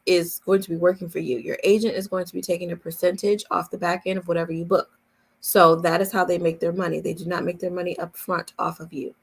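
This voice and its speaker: A woman with a lowish, slightly bright voice and noticeable vocal fry coaches voice-over students in a casual live Q&A. Her explanations are emphatic and repetitive, going point by point.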